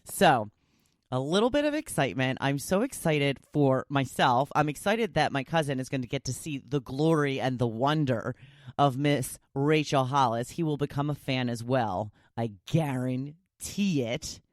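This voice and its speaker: Excitable woman podcast host, dry sound. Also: very deep voice, moderate pace, dry recording. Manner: excitable, gushing, acts out quoted people. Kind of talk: casual solo podcast chat.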